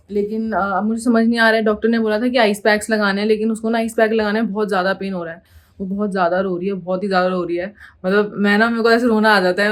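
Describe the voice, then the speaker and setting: A mid-pitched woman talks casually to her phone camera. She sounds emotional and worried, rambling with fillers. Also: poor audio. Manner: emotional, anxious, talks fast with many fillers. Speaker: vlogger and mother. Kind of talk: casual family vlog talk to camera.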